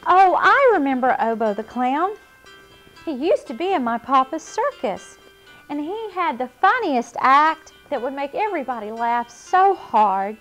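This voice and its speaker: A woman's voice: high voice, very animated, measured pace, a bit bright, soft background music, heavily acted. A woman voicing a cheerful young girl clown in a children's cartoon, with a bubbly, wide-eyed manner. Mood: fond. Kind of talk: children's show character acting.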